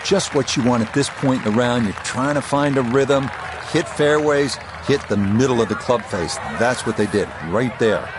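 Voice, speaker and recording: A man working as a golf play-by-play commentator, calling putts and setting up each hole in a measured way. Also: mid-range voice, a crowd in the background, noisy background.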